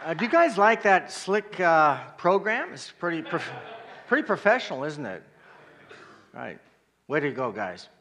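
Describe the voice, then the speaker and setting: A man's voice: on the high side, very animated, measured pace, a crowd in the background. A man, the guest preacher, opens his talk with self-deprecating jokes and banter with the congregation.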